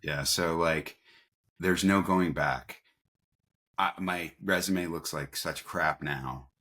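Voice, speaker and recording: Speaking slowly in a low-pitched, pushed, bright voice, the man is a company founder guesting on an interview. He tells stories loosely and informally, frequently dramatizing bits of what people said.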